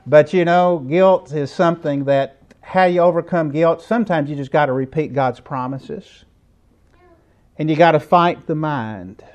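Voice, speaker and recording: A man's voice: on the high side, a little slow, a little mellow, lo-fi sound. A middle-aged man preaching a sermon lesson, conversational and asking his listeners questions. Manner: conversational, asks the audience questions.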